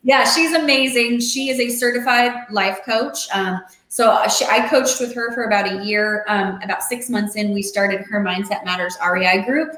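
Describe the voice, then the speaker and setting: A middle-aged woman talking casually as a podcast guest, animated, acting out the voices she quotes. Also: medium pitch, normal speed, hardly any pauses, reverberant, low-quality recording. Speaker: podcast guest, real estate investor and coach. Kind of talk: casual interview chat.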